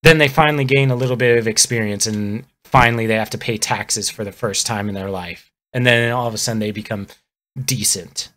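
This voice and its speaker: A man's voice: fairly low pitch, brisk, fairly bright tone. Man, livestreamer, heated political rant, sarcastic, emphatic. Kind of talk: political rant on a live stream.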